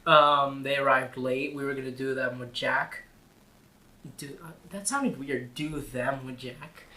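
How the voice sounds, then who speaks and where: A man's voice: mid-range voice, unhurried, pushed and bright, slight background noise. A teenage boy co-hosting a casual podcast with friends, rambling, giggling and swearing often. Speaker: podcast co-host. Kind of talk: casual chat among friends. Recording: echoey room.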